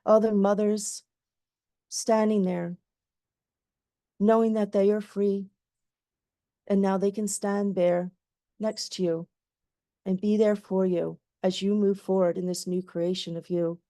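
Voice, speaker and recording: Speaking at a very slow pace with a level tone, this woman leads a guided meditation in soothing, lulling words. Her middle-pitched voice is warm and mellow, captured close and completely dry.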